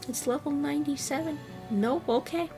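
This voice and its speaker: A young woman streamer chats over her game with laughing asides. Her voice sits a little high, and soft music plays underneath. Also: normal speed. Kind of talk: playthrough commentary and reading dialogue.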